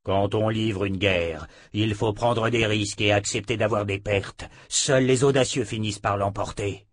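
A ruthless emperor lays down the law, curt and commanding, as a man reading the book voices him. He speaks slowly and a little lower than the narration, and the recording is dry and close. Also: fairly even intonation, no echo, natural voice. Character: ruthless warlord emperor, blunt and harsh.

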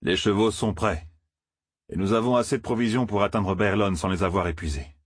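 A man's voice: fairly low pitch, fairly even intonation, a little fast, husky, no room sound, clean studio sound. A man voicing a terse, matter-of-fact swordsman in a storybook reading. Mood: businesslike. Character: terse, wary swordsman warder.

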